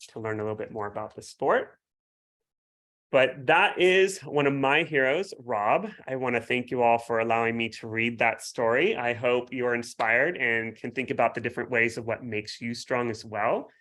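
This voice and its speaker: A man's voice: medium pitch, a bit bright. A man speaking as a guest author, explaining things casually in an enthusiastic, friendly way. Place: home basement.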